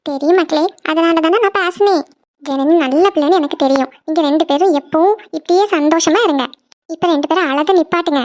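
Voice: extremely high pitch, brisk. A tender, forgiving cartoon mother. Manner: tender, soothing, calls them "makkale". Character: loving middle-aged mother, tearful but forgiving. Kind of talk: animated cartoon voice acting.

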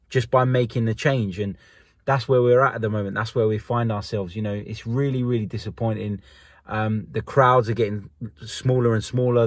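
A young man records a post-match reaction from his parked car at night, talking close to a phone held in front of him. His mid-pitched voice carries blunt, frustrated opinions in a steady rant. The sound is dry and close, with no room echo at all. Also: slightly rough. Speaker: host.

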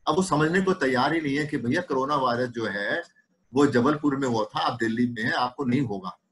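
A man's voice: medium pitch, brisk, rough recording. Doctor guy giving a lecture, acts out his patients, easy explaining tone. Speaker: homeopathy doctor and teacher. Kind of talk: clinical lecture.

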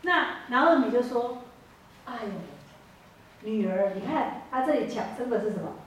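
Woman, Taiwanese Mandarin accent, sermon storytelling, rhetorical questions, higher voice, echoey church hall from a distance. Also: expressive, a little slow, a little hiss or hum. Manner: hesitant, with fillers and self-corrections. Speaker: preacher.

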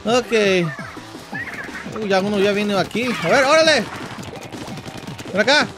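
A man with a Mexican accent hosting let's play commentary, joking and teasing himself with playful shouts. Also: high voice, measured pace. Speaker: gaming channel host. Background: game music.

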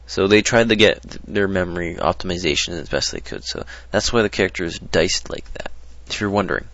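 Brief: deep, gravelly man, loose rambling tutorial delivery, dull dry lo-fi recording. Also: animated, a little fast, a bit bright. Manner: rambling, hesitant, lots of ums and restarts. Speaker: modding tutorial presenter. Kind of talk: casual screen-recorded tutorial.

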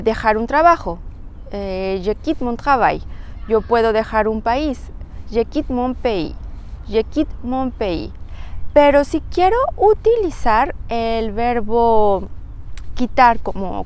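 Woman, slightly high voice, slow deliberate teacher delivery with a faint background hum. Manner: slow, careful, spells words out letter by letter. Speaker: French teacher. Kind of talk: language lesson.

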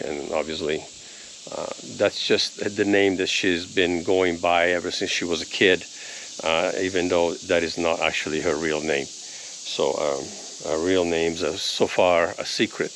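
Deep-voiced man rambling outdoors. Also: fairly even intonation, a little slow, a bit bright, slight background noise. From Italy. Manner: easygoing, rambling, with many ums and little laughs. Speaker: homesteading vlogger. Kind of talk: casual vlog talk to camera. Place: outdoors on a rural property. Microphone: phone at arm's length.

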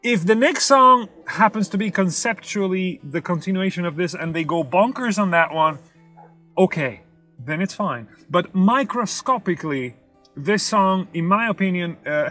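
Young male reaction vlogger, high voice, non-native English, animated but halting as he searches for words. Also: soft background music. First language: not English. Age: young adult. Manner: expressive, sings out rhythms in syllables. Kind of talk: casual off-the-cuff music commentary. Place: inside a parked car in daylight.

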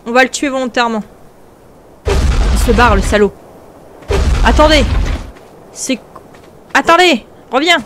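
A young woman hosting a video game, commenting excitably, often shrieking and laughing. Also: sits high, unhurried, long pauses, background noise. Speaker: gaming video host.

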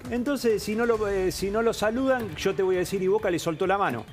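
A man's voice: sits high, fairly quick, soft background music. A man on a TV sports panel, arguing his point and repeating himself. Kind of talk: TV panel discussion. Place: TV studio.

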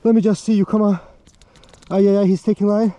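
Breathless excited man ice fishing. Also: high-pitched, brisk, no echo. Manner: excitable, breathless, talks to viewers as guys. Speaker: fishing vlogger. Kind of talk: excited live commentary while ice fishing. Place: outdoors on a frozen lake.

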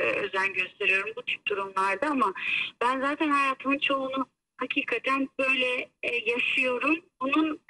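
A woman's high voice comes over the phone, heard through a loudspeaker and set well back from the mic. She talks earnestly and haltingly, with plenty of fillers, and her tone is bright and clear. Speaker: guest calling in. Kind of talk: live phone interview. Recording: distant phone audio through a speaker.

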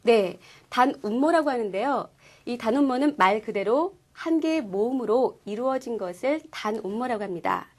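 High-voiced woman teaching a language lesson. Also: lively intonation, normal speed, darkish tone. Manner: clear, patient explaining with demonstrated sounds. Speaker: Korean-speaking Chinese language teacher. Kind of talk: scripted lesson presentation.

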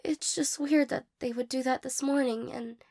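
In an intimate romantic audio roleplay, a young woman voices a shy, insecure, tearful girl who hesitates, stammers and apologizes. Her voice is high, breathy and creaky, mellow and steady in tone, at a normal speed.

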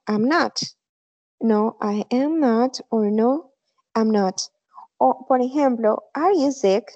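A woman teaching an online English class, speaking slowly and carefully and repeating example phrases. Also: on the high side, mellow, dry recording. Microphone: computer mic on a video call. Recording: slightly dull online class audio.

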